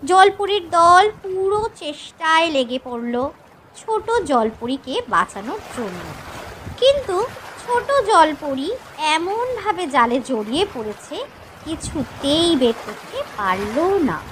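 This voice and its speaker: A woman narrating a children's cartoon story in an expressive, lilting storybook way. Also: sits high, unhurried, a little hiss or hum, low-quality recording.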